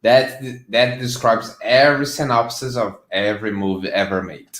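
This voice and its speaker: A man's voice: fairly low pitch, moderate pace, a bit bright, echoey room. A man on a casual group show, teasing the others with short interjections.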